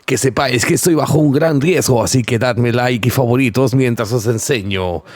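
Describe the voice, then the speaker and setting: A man's voice: medium pitch, fast talker, a little mellow, no room sound. A man with a Spain accent doing joking, mock-dramatic vlog narration over a video game.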